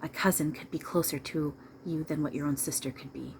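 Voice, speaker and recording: A woman with a low voice speaks as a seance medium in trance, delivering channeled advice. She is emphatic and insistent, often repeating herself as she counsels her listeners. There is some noise behind her. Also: fairly even intonation, brisk. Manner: emphatic, repetitive, preachy counsel addressed to listeners.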